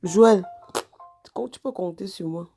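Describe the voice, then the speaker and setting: A woman with a Cameroonian French accent talks animatedly in a casual vlog. She teases and repeats phrases in a sing-song way, and her voice has a gravelly edge. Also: mid-range voice, moderate pace, a little mellow. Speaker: vlogger. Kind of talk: casual chat.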